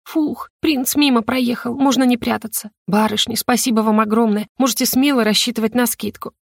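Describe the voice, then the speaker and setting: A woman's voice: a little high, fairly even intonation, a little fast, dry recording, studio quality, pitched above the performer's own voice. A woman voicing a flustered young shop assistant apologizing to a customer. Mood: apologetic. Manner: soothing, placating.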